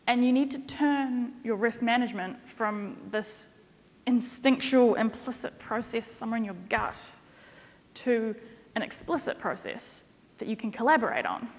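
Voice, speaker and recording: A woman's voice: a little high, unhurried. A young woman giving a conference keynote as a consultant, conversational and jokey, speaking at a lectern on a stage. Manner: conversational and jokey, lively emphasis. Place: conference stage in a large hall. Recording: reverberant hall sound.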